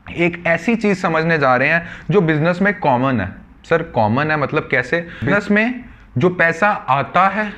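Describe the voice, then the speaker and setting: Teacher lecturing with slow repeated emphasis. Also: male voice, high voice, fairly bright tone, lo-fi sound. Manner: addresses students as children, answers his own questions as students; repeats key words slowly for emphasis. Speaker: commerce teacher. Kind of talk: classroom lecture.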